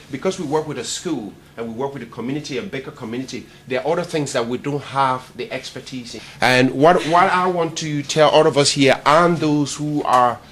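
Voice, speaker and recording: A man from Liberia giving a charity presentation in a meeting room, animated and quizzing his audience. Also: mid-range voice, slight background noise. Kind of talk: speech to a networking event.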